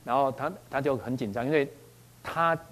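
A man with a Taiwanese Mandarin accent recounts his own story as a doctor, with a voice of ordinary middle pitch. He tells it with animation, stammering over repeated words, and drops into Taiwanese phrases along the way. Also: normal speed, fairly bright tone. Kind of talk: spoken personal anecdote.

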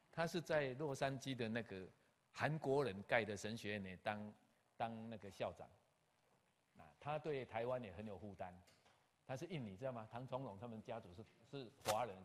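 An older man, a pastor, telling a personal story in an animated way, acting out conversations and dropping in English terms. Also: mid-range voice. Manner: animated, acts out dialogue, scattered English terms. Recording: long hall reverb.

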